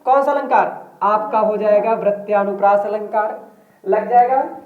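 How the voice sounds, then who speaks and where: A woman teacher giving a grammar lesson, repeating examples slowly and asking the class questions. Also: medium pitch. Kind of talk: online Hindi grammar lesson. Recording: tinny phone-like audio in an echoey room.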